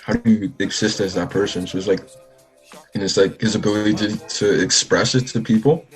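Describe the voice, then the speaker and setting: The recording is low quality, with soft background music under a young adult man from the Bahamas. A musician guest in a casual interview, he speaks a little fast in a lowish, fairly even voice, rambling with many "likes" and restarts.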